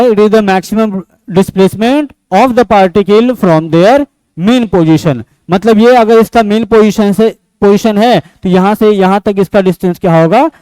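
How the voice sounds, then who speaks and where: High, clear-voiced male teacher. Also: no echo, rough recording. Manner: asks and answers his own questions; switches between loud and soft speech. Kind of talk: classroom physics lecture.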